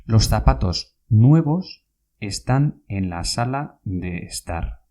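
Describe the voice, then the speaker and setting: A man teaching Basque vocabulary in a podcast lesson, speaking slowly and patiently and repeating each word. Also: on the low side, expressive, warm tone.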